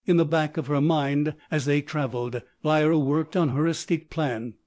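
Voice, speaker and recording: A man's synthetic text-to-speech voice reading scripted audiobook narration in an even, measured way. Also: fairly high pitch, no echo, studio quality.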